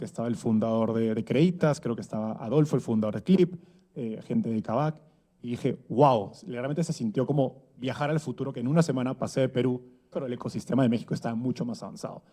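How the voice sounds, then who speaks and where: A man in his thirties speaks from an event stage in a mellow, relaxed voice. His talk is conversational and full of fillers and little rhetorical tags. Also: medium pitch. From Peru. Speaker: speaker giving a conference talk. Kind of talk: conference talk. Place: event stage before an audience.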